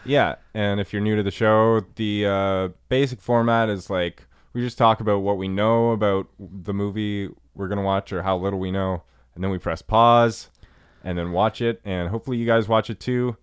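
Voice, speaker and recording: Low, smooth-voiced laid-back man. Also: fairly even intonation, normal speed, no room sound, clean studio sound. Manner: laid-back, rambling, lots of likes and ums. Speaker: podcast co-host. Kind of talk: casual film podcast chat.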